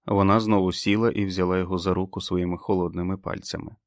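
A man reading a novel aloud as an audiobook narrator, in a measured, expressive way. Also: low voice, no echo, clean studio sound. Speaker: audiobook reader. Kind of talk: scripted narration.

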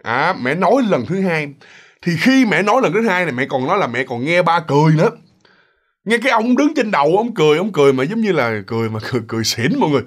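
A man tells a ghost story in a relaxed, chatty way, with a Southern Vietnamese accent. His voice sits a little high for a man. He often turns to his listeners and acts out the creaks and sounds of the tale. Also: fast talker. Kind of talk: casual ghost story narration.

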